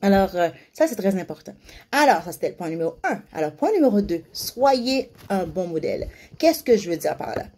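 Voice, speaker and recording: A young woman giving parents casual advice, lively and now and then slipping into sing-song baby-talk examples. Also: on the low side, a little fast, slightly rough. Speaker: parenting vlogger giving tips.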